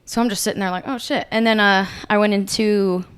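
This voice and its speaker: A woman's voice: medium pitch, brisk, clear, resonant tone. A young woman casually telling a wild story on a podcast, swearing freely and filling her talk with "like". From Las Vegas area. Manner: profane, animated, lots of "like" fillers. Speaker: podcast co-host.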